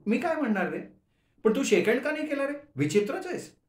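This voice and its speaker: A man voicing a lively, teasing young woman in a told story. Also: very high voice, fairly quick, echoey room, voice pushed up.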